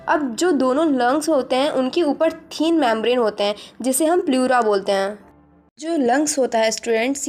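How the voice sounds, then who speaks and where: A woman's voice: sits high, a little mellow. A young woman explaining a school biology lesson, addressing students directly and mixing English terms into her Hindi. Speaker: teacher.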